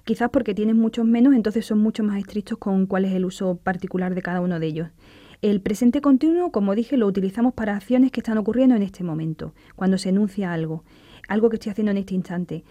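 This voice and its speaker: Mellow-voiced woman explaining grammar. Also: mid-range voice, fast, dry recording. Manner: clear explanatory, gives English examples. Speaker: English teacher. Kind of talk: explaining grammar in a studio lesson.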